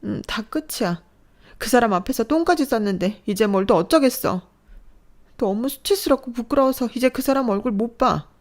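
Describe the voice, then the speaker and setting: A woman's voice: a little high, animated, normal speed, pitched above the performer's own voice. Woman voicing an anguished young woman. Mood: resigned. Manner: pleading, tearful outbursts. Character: distressed young adult daughter, worn down.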